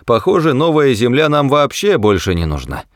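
A man's voice: mid-range voice, big pitch swings, normal speed, dry recording, studio quality, voice pushed up. Frankie, a fed-up talking mouse, as a man puts him on. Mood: brisk. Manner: chatty, tired and fed-up.

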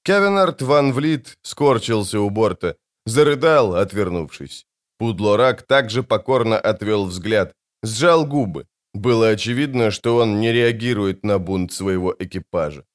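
A man narrating an adventure audiobook in an expressive, dramatic way. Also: fairly low pitch, a little slow. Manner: expressive, lively storytelling.

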